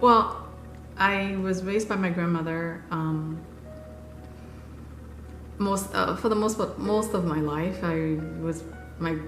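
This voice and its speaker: Low-voiced woman in her forties. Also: slow, a bit bright. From Haiti. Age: 40s. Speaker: interviewee. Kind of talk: personal recollection. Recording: echoey room with music underneath. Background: music.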